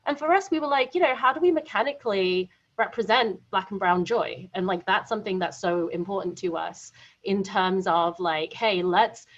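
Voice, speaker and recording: A woman's voice: medium pitch, normal speed. Woman panelist on muffled lo-fi audio. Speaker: game studio founder on a panel. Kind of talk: panel discussion.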